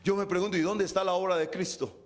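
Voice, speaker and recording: High-voiced preacher shouting exhortations. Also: male voice, fairly even intonation, fast talker. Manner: preaching with swings between shouted exhortation and low, quiet pleading. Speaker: pastor. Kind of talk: sermon.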